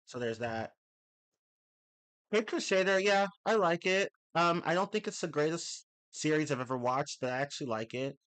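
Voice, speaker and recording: This young man is live streaming, chatting loosely as he reads and replies to chat, wandering off topic, fixing his own words and cursing casually. He speaks at a normal speed in a slightly high, expressive, fairly bright voice that's a bit off after a recent cold.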